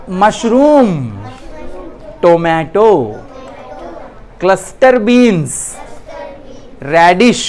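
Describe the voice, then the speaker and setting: A woman's voice: lowish voice, darkish tone. A woman teaching a class, naming words and coaxing students to answer her questions. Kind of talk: classroom lesson.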